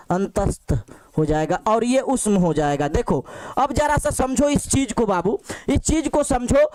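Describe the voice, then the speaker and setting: A man's voice: extremely high pitch, no room sound. A man teaching grammar for exams in a coaxing, repetitive way, counting letters aloud one by one and calling his students "babu", with a lilt. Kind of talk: exam-prep lecture.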